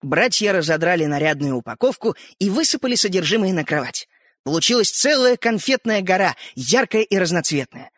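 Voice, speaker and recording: Animated man reading a children's story. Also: high-pitched, fairly quick, no room sound, studio quality. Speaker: narrator.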